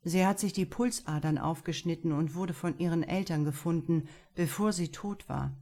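A woman's voice: lowish voice, moderate pace, warm tone. A woman reading the lines of a male police officer who is earnest and resigned. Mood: somber. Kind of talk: audiobook dialogue reading.

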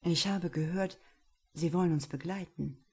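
A woman doing a soft-spoken seductive man. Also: lowish voice, normal speed, slightly rough. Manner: soft, almost whispered.

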